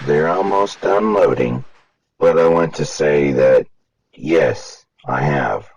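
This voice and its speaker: A gruff old steam locomotive with a booming grandfather voice. His tone sits extremely deep and grinds with gravel. He talks slow and heavy, full of regret. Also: darkish tone, no echo, lo-fi sound, full character voice. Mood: somber. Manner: slow, weighty, rueful. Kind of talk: audiobook character voice.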